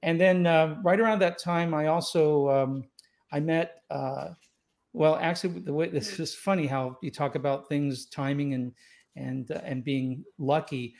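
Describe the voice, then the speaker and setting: A saxophonist guest in his sixties, born in Scotland and raised in Los Angeles, has a fairly high, gravelly, slightly mellow voice with fairly even intonation and a somewhat slow pace. He tells easygoing, reflective stories with plenty of fillers and restarts in a relaxed interview. He speaks over a video call into a boom-arm studio mic, from a home room with wooden doors and shelves.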